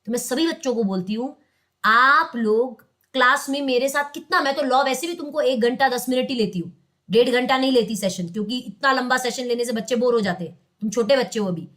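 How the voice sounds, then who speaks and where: Young Indian woman, law tutor, high voice, chatty and coaxing with her students. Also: fairly quick, fairly bright tone. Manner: mixes English terms into Hindi, quizzes students. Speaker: law teacher. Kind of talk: online class lecture.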